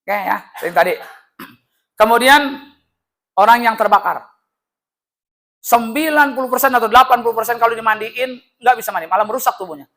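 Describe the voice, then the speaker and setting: A man teaching a lively, joking religious class and acting out the voices he quotes. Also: extremely high pitch, a little fast, pauses often. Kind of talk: lively classroom lesson with jokes.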